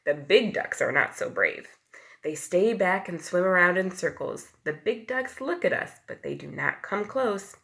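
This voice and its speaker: Reading to young children, a woman teacher speaks in a lowish, animated voice with vocal fry, never rushing. She acts out the book's sound words in whispers and loud calls, questioning the kids and explaining simply.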